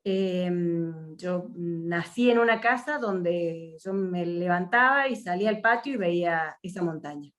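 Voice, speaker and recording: This woman from Mendoza, Argentina, runs an online workshop over a video call in her Argentine Spanish accent. Her voice is lowish and fairly bright, and she takes her time, speaking reflectively with lots of fillers and restarts.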